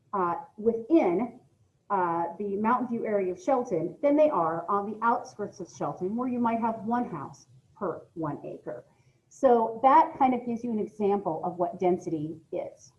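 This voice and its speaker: Her voice sits in the mid range with a darkish tone, and the recording has its highs cut off. She's an American middle school science teacher reading a lesson aloud, explaining directly to her students with informal asides.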